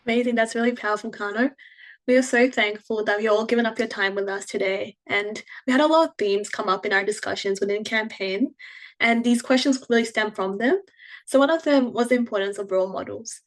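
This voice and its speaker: A young woman moderates a panel over a video call. Her voice sits slightly high, and she speaks encouragingly as she introduces the speakers. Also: fairly quick. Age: young adult. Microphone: online video call.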